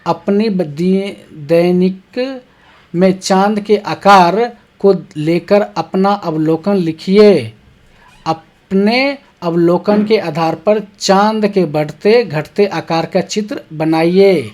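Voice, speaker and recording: A teacher explains textbook exercises to young schoolchildren at a deliberately slow, easy pace. Each question is read out first and then answered step by step. Regular "ठीक है" check-ins keep the lesson moving. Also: mid-range voice, a little mellow.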